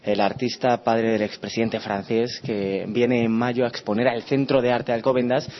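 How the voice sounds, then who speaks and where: A man's voice: medium pitch, little pitch movement, moderate pace, slight background noise. Male radio interviewer with Castilian accent, slightly muffled. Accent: Castilian Spanish, from Spain. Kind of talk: radio interview, formal questions. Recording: dull, band-limited radio interview audio.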